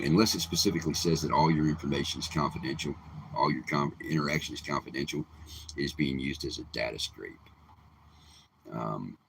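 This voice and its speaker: A man's voice: rumbling low, vocal fry, husky. A middle-aged man giving casual, rambling commentary to the camera, full of ums and restarts. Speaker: vlogger.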